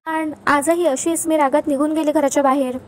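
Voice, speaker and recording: A young wife pleading through put-on tears, read by a woman. The voice is high, with a faint hiss of background noise. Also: fairly even intonation, a little fast, natural voice. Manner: pleading, tearful.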